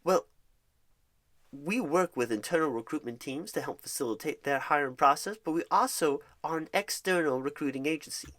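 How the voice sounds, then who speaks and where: In an ASMR roleplay, a mid-pitched voice plays a cheerful job recruiter and career coach on one side of a phone screening. At a moderate pace, the delivery is reassuring, encouraging, and wordy, explaining things at length and full of pet names like darling and honey.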